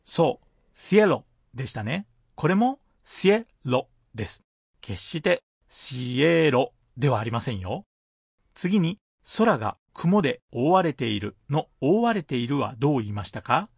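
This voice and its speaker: A man's voice: mid-range voice, very animated, moderate pace, husky, no echo. A man teaching a radio language lesson, patiently explaining pronunciation point by point.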